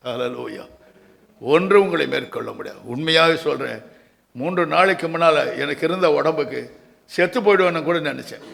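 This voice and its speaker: A male pastor preaching passionately at a church service, stretching his English prayer lines slowly. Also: mid-range voice, vocal fry, a bit bright, long reverb tail. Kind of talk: sermon and fervent prayer.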